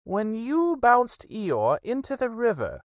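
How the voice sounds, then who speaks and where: A man's voice: very high voice, wildly swooping pitch, no echo, clean studio sound, pitched above the performer's own voice, heavily acted. Rabbit, a man doing a fussy bossy rabbit. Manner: brisk, bossy, solemn. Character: fussy self-important male rabbit.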